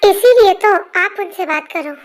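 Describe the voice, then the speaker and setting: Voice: very high voice, lively intonation, measured pace. A performer voicing a headstrong twenty-year-old girl who pleads and refuses to back down, in an amateur fan dub voice-over. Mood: stubborn. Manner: pleading, stubborn.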